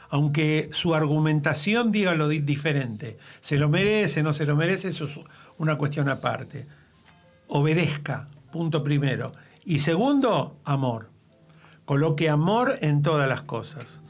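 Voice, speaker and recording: A man's voice: a little high, expressive, unhurried, faint music behind. A man leading a church Bible study conversation, speaking emphatically and quoting scripture at length.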